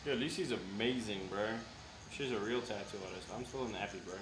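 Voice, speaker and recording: A man's voice: fairly low pitch, fairly quick. A man in casual chat, teasing his friend in loose, profane banter. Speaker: tattoo apprentice and podcast host. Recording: echoey room with music behind.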